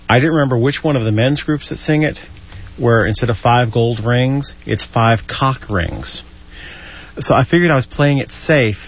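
A man hosts a late-night radio show from a studio, bantering casually with his co-hosts, laughing often, and playfully poking fun at himself. His voice is medium-pitched with a breathy edge, and the studio-mic broadcast audio sounds slightly dull.

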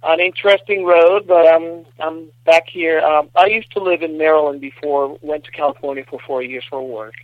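A man raised in Puerto Rico joins a podcast from his apartment, his voice slightly high. He answers hesitantly with many fillers. The line sounds dull and lo-fi, with a very dry sound. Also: fairly even intonation, normal speed, few pauses, no room sound. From United States, raised in Puerto Rico. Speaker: podcast guest. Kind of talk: casual interview chat.

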